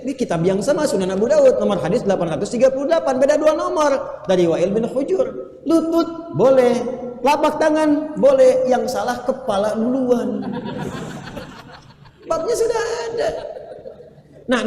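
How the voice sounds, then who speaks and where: A high-voiced man preaching in a big reverberant hall, faint room noise behind him. He talks with animated energy, quizzes his listeners and chants Arabic phrases. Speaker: Islamic preacher. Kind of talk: lively sermon to a live audience. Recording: echoey hall, faint ambience.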